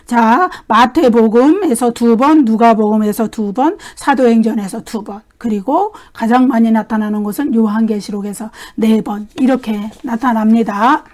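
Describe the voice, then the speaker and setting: A woman teaching a Bible study lecture, explaining steadily and often checking in with a questioning "eh?", and reading scripture verses aloud in a measured way. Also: a little high, darkish tone. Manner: explanatory, with frequent questioning "eh?" tags and restarts.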